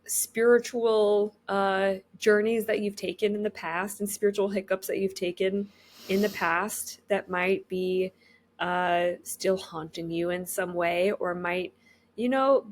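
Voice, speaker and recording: Woman co-hosting a rambling casual podcast. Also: mid-range voice. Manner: rambling, lots of "like" and "you know".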